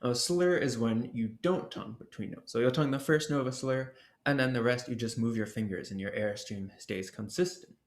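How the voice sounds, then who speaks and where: A man presenting an ocarina workshop, explaining technique in a relaxed way and sounding out the syllables as he goes. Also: medium pitch, fairly quick. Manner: casual, explains with demonstration syllables and fillers. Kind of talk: instructional explanation. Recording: roomy echo.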